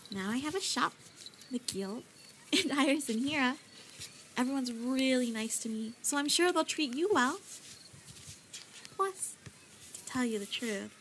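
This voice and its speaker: In a roleplay voice pack, a woman plays a bubbly, naive young shopkeeper who is excitable, chatty and easily torn between choices, with an earnest mood. Her voice is high-pitched, and there is a little hiss or hum.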